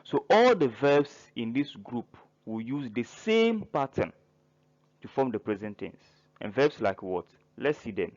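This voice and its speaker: A man teaching a French grammar lesson in English, listing verbs slowly and spelling out word endings letter by letter. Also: mid-range voice, sing-song, darkish tone, dull audio. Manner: spells words out letter by letter, pauses between listed verbs. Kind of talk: slow grammar lesson narration.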